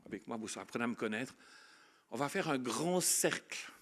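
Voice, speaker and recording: A man preaching a sermon as pastor, earnest, moving between soft reflective passages and emphatic declarations. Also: medium pitch, animated, normal speed.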